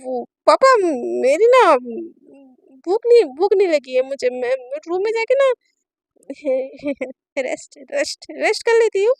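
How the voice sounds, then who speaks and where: Woman doing a whiny young woman, loud and dramatic, very high voice. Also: very animated, measured pace, no echo, exaggerated voice.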